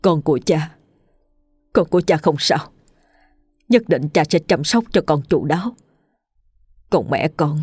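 A woman's voice: lowish voice, moderate pace, long pauses, darkish tone, no room sound, faint music behind, close to an everyday voice. A woman doing a weeping soldier husband. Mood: grieving. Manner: tearful, grief-stricken. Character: weeping soldier husband mourning his wife.

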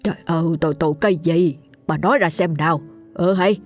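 A woman voicing an older village fortune-teller with a measured, gruff manner. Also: lowish voice, faint music behind, natural voice. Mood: scolding. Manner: measured, then scolding.

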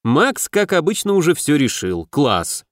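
A practical, wary young brother, voiced by a man reading an audiobook. His brisk, cautious questions come out with a lively, slightly raised pitch. The sound is dry and close. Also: dry recording. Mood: questioning. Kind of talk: audiobook character voice.

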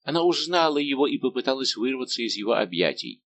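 A man narrating an audiobook in a steady, measured reading. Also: medium pitch, slight background noise. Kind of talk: scripted narration.

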